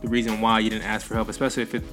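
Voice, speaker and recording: A man's voice: on the low side, completely flat delivery, racing, over music. A young man co-hosting a casual podcast, rambling through personal examples with lots of filler words. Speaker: podcast co-host. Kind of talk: casual conversation.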